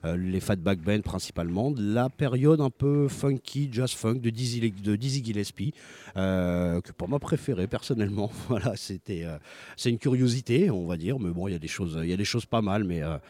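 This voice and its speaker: A man's voice: fairly low pitch, lively intonation, moderate pace, dark tone, no echo. A man hosting a live music radio show, talking casually with many hesitations and restarts. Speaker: radio host.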